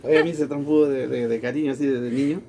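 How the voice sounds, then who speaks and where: A man's voice: medium pitch, fast talker, crowd noise. A man from Latin America casually telling a personal story, acting out the quoted dialogue. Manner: animated, acts out quoted dialogue. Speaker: storyteller in conversation.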